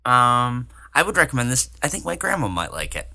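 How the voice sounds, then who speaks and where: Man, podcast co-host, very bright tone, wry, casual. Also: medium pitch, sing-song, fairly quick, creaky. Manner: wry and joking. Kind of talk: casual chat.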